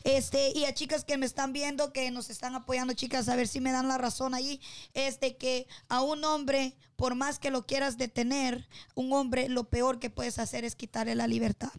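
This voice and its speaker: A woman with a high, bright-pitched voice leans into her advice, addressing her viewers directly. She speaks with emphatic repetition in an easygoing chat-show manner. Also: flat delivery, moderate pace. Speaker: co-host. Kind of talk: casual chat, giving advice.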